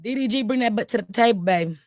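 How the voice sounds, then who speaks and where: A woman's voice: on the high side, fast, a little mellow, dry recording. Rich: A woman host with a dry, close sound. She gives blunt, slang-filled takes in casual chat.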